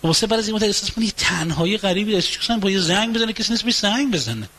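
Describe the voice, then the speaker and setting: Husky, forceful man lecturing on marriage. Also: high voice, animated, poor audio. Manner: acts out both spouses in quick dialogue; conversational, repetitive phrasing. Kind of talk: lecture on relationships.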